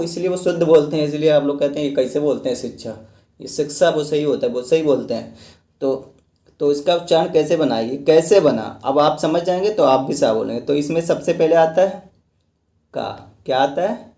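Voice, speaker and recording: A male teacher lectures in a classroom, explaining step by step, repeating points, and posing and answering his own questions. His voice is on the high side, brisk, and dark in tone, in an echoey room.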